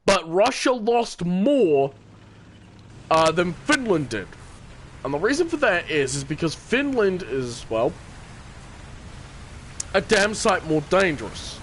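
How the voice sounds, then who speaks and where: Lively, rambling male game streamer. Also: high voice, slow, long pauses, a little hiss or hum. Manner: rambling, laughs often, repeats words. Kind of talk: casual gameplay commentary.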